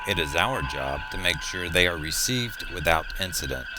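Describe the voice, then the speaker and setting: A man playing a calm, commanding starship captain in an audio drama, measured and authoritative. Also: deep voice, heavy background noise. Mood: measured, official.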